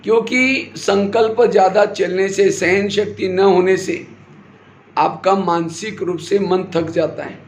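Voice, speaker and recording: A man's voice: high-pitched, steady tone, a little slow. Man preaching a class in a roomy hall, asks questions then answers them, bit of faint noise. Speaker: spiritual teacher giving a class. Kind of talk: sermon-style spiritual class. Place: hall with a live audience. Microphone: handheld or stand mic.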